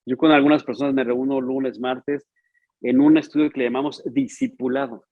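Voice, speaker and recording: Man, sermon, chatty storytelling, husky voice, dry dull recording. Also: medium pitch, little pitch movement, normal speed, no room sound. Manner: conversational storytelling, acts out dialogue. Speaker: pastor.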